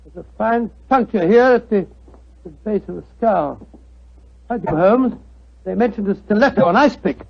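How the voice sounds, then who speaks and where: High, gravelly Doctor Watson. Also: male voice, normal speed, pauses often, slight background noise. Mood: musing. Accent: English. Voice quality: gravelly, husky. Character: genial, bumbling older English gentleman doctor. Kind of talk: 1940s radio acting. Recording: dull 1940s radio recording.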